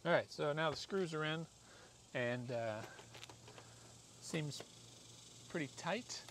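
His voice a little high and fairly bright, an animated American man in his forties moves slowly through a product installation vlog, casual, rambling and self-deprecating. It was filmed in a driveway and a parked car, with a camera or phone mic from arm's length to a few feet capturing noisy audio and clear ambient sound.

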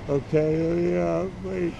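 A man's voice: fairly high pitch, gravelly, background noise. A man in his sixties under arrest, pleading and crying out in pain, recorded outdoors on a police body camera. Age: 60s. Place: outdoors by a car.

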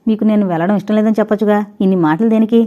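A woman's voice: medium pitch, steady tone, very fast, warm tone, close to an everyday voice. A woman voicing a hurt, proud young wife. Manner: wounded, indignant. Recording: dull lo-fi recording.

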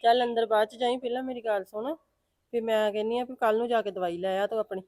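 A woman with a Punjabi accent playing a quick-tongued village mother who scolds and chats with her grown son and a neighbour in a drama. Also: a little high, steady tone, a little mellow, dry recording, clean studio sound, natural voice. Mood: scolding. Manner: nagging, fast and insistent.

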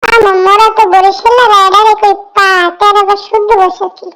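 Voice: extremely high pitch, steady tone, normal speed, pushed and bright. A performer voicing a playful, cheeky young boy cat in a comic cartoon dub, chatty and full of questions, speaking with a Barishal accent. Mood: curious. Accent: Barishal dialect of Bengali. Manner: chatty, asks question after question.

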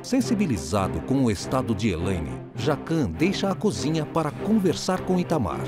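A man's voice: medium pitch, wildly swooping pitch, moderate pace, music in the background. A man narrating a reality TV show in scripted, dramatic style.

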